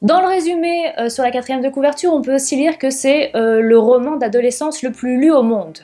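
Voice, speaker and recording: A woman's voice: high voice, brisk, dark tone, faint music behind. A young woman casually reviewing books she has read, chatty and candid, with frequent fillers. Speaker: book vlogger.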